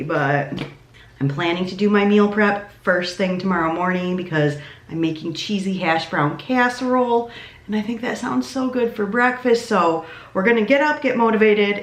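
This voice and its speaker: A woman's voice: mid-range voice, echoey room. A woman chatting casually about her meals in a food vlog, often laughing. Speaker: vlogger.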